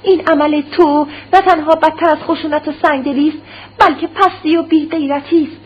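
Woman doing a scared but defiant young wife, high shaky voice, stammers, muffled lo-fi sound. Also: lightly acted. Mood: indignant. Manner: stammering, broken and pleading. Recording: dull lo-fi recording with faint hum.

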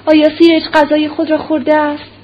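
A woman's voice: high-pitched, steady tone, natural voice. A woman reading aloud and voicing a dying young noblewoman who pleads urgently and breathlessly, on a muffled lo-fi recording with faint hiss. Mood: yearning. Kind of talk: audiobook character reading.

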